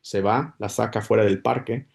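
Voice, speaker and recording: A man's voice: on the low side, normal speed, gravelly, darkish tone. A man giving a casual spoken English lesson, explaining patiently with many repetitions and restarts. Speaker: English teacher.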